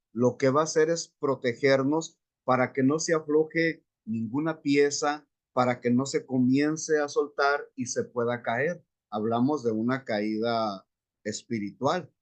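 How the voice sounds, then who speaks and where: A man gives a Bible class lecture at a slow, deliberate pace. His pitch sits in a middle range for a man. He walks through scripture and Greek word meanings step by step. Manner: unhurried, explains Greek words step by step. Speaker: Bible teacher. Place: church classroom.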